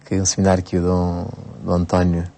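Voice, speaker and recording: Man, 40s, from Cape Verde, priest, radio interview, lowish pitch, mellow tone, hesitant restarts. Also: completely flat delivery, vocal fry. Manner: unhurried, frequent hesitations and restarts. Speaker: priest, bishop-elect.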